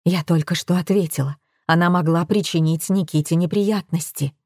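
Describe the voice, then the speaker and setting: A woman's voice: on the low side, steady tone, moderate pace, a little mellow, dry recording, clean studio sound, natural voice. A woman voicing a cold, unrepentant older mother who speaks curtly and bluntly. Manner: curt, blunt.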